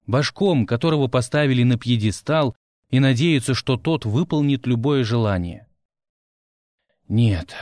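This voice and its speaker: A man reading a fantasy audiobook aloud in the first person, with a wry, animated storytelling manner. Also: mid-range voice, no echo, studio quality. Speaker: audiobook narrator. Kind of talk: expressive audiobook narration.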